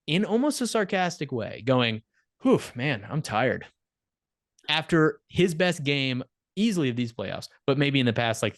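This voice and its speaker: A man's voice: medium pitch, dry recording, clean studio sound. A man co-hosting a casual sports podcast, talking animatedly and rattling off stats with the odd laugh mid-sentence. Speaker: podcast co-host.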